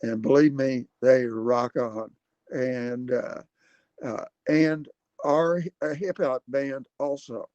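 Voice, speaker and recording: A man in his seventies hosting a casual livestream from his computer at home, rambling and halting with many fillers. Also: mid-range voice, steady tone, a little mellow, no room sound, lo-fi sound. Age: 70s. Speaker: livestream host. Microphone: computer webcam mic.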